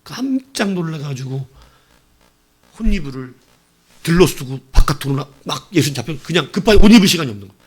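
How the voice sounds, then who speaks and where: A male pastor preaching a sermon, telling the story with animated bursts as he acts out quoted lines. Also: a little high, a little fast, slightly rough.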